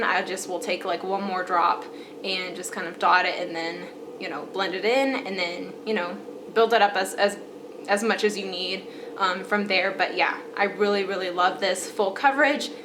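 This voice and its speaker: A young beauty vlogger with a stuffy, congested voice chats casually about her favorite makeup products, full of fillers and repeated praise. Her mid-range voice keeps a fairly even intonation at normal speed, with background noise present.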